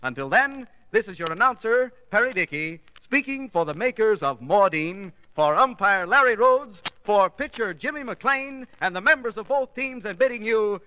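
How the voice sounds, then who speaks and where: A man announcing a commercial on an old 1940s radio broadcast, with a formal, emphatic sales-pitch delivery. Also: animated, normal speed, few pauses, sharp tone, in a large hall, a little hiss or hum, poor audio. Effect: old 1940s radio broadcast recording.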